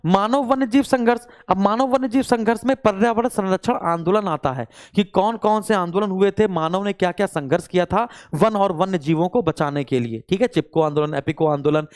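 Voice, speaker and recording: A man's voice: high-pitched, a little mellow, clear, resonant tone. A young man, a coaching teacher walking students through a course syllabus and scolding those who complain.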